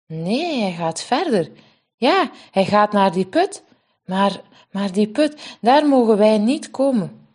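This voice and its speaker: A woman voicing little twin girls who chatter eagerly to each other, in a storybook reading. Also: slow. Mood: excited childlike. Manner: high, childlike, excited.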